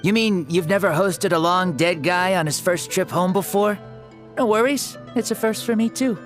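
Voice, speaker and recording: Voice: medium pitch, moderate pace, soft background music, close to an everyday voice. An actor playing an ancient hero who inhabits a young boy's body in a video game, theatrical, jaunty and self-assured. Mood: playful, teasing.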